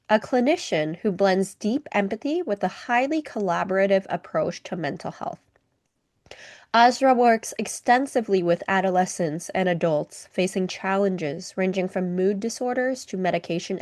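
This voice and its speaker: A podcast host, a woman who sounds a little sick, chats in a friendly, casual way during an interview, using lots of fillers. Her voice is mid-range, and the studio-quality recording has no echo.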